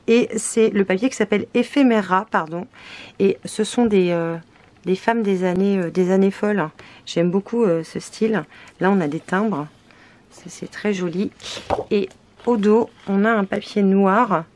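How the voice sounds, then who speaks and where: A woman's voice: mid-range voice, darkish tone. A woman from France chatting casually as she shows craft papers, hesitant with many fillers. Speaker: scrapbooking vlogger. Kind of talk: casual product unboxing chat.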